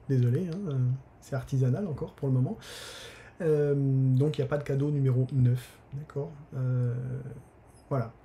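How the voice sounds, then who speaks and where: A man's voice: medium pitch, steady tone, a little slow, long pauses, dark tone, slight background noise. A man hosting a live stream from his desk, talking casually with many hesitations and restarts. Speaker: newsletter author hosting a live giveaway stream.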